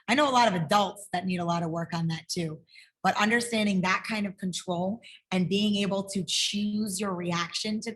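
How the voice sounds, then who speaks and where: A woman's voice: a little high, bright, forceful tone. A woman martial arts instructor teaching a kids' life-skills workshop over a video call, upbeat and encouraging as she asks the class questions.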